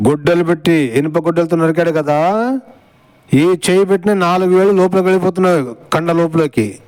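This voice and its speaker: High-pitched male online commentator, sarcastic, keeps quizzing his viewers. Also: a little fast, darkish tone, rough recording. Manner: sarcastic, addresses viewers directly. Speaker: commentator reacting to a clip.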